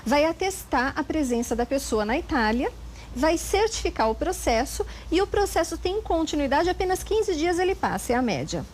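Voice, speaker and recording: A Brazilian woman lawyer calmly explaining legal procedures step by step as an interview guest. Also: sits high, moderate pace, a little hiss or hum, low-quality recording. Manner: calm, methodical, precise explanations.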